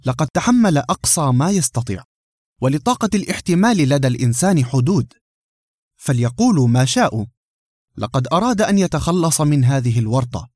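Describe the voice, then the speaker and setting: A man narrating a novel as an audiobook, in a measured, expressive reading. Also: a little high, no room sound, clean studio sound.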